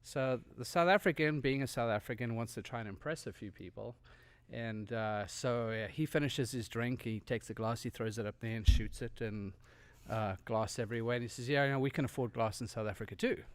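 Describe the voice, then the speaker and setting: A man's voice: medium pitch, moderate pace, clear, resonant tone, no echo. Male podcast guest: easygoing storyteller, close and dry recording. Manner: easygoing, laughs at his own jokes. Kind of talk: casual chat, telling a joke.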